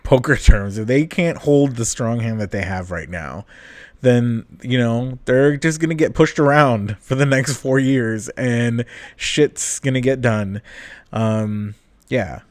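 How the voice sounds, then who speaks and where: A man's voice: mid-range voice, slow, dry recording. A man hosting a casual political podcast, loose and laughing often, with casual swearing. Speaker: podcast host.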